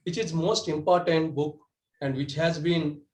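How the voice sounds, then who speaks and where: A man's voice: fairly high pitch, steady tone, measured pace, reverberant, rough recording. A man giving a prepared club speech over a video call, earnest and correcting himself as he goes. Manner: earnest, with restarts and self-corrections. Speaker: club speaker.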